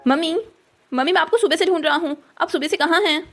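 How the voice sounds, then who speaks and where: A woman's voice: extremely high pitch, quick pace, fairly bright tone, faint music behind. A woman voicing an upset teenage son in a cartoon story, urgent and pleading.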